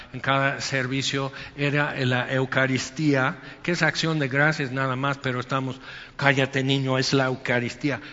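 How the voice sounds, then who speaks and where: A man's voice: mid-range voice, bright, forceful tone, long reverb tail, lo-fi sound. A male pastor preaching a Sunday sermon in a conversational way, acting out quotes and asides.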